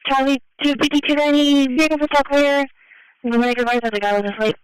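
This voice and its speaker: Fast-talking woman on police radio. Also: high voice, fairly even intonation, poor audio. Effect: two-way radio. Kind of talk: terse police radio calls. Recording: police radio with busy chatter behind.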